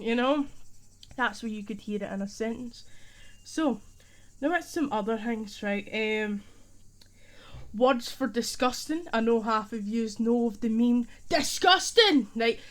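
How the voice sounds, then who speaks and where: A young woman with a thick Scottish accent, chatting playfully and loosely as a teacher in a spoken role-play. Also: fairly high pitch. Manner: chatty, playful and rambling, heavy dialect.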